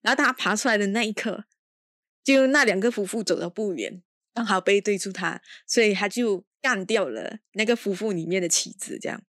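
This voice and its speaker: A woman's voice: medium pitch, fairly quick, fairly bright tone, no echo, clean studio sound. A woman hosting a casual film review podcast. She talks in an exasperated, sarcastic way and drops in English exclamations. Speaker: podcast host.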